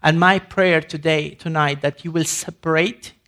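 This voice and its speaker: A man's voice: fairly high pitch, steady tone, moderate pace, a bit bright. A man from Sudan giving an emphatic ministry presentation to an audience, with grammar and frequent restarts. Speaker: ministry speaker.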